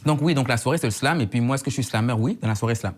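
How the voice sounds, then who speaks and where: A man's voice: medium pitch, racing, a little hiss or hum. A man in his thirties from Côte d'Ivoire, a slam poet talking thoughtfully in an interview and repeating phrases for emphasis. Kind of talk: casual interview chat.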